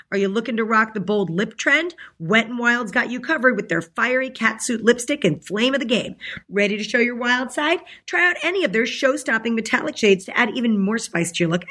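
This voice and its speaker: A woman's voice: on the high side, a bit bright. A woman reading an advertisement in an upbeat, salesy manner. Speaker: ad reader. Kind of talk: read advertisement.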